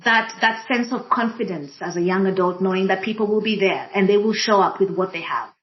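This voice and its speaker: A diversity and inclusion practitioner, a Kenyan-accented woman whose first language is Swahili, gives a reflective personal account as a panel guest in a group discussion. She speaks deliberately at mid pitch, often rephrasing for emphasis, and the audio is slightly dull and lo-fi.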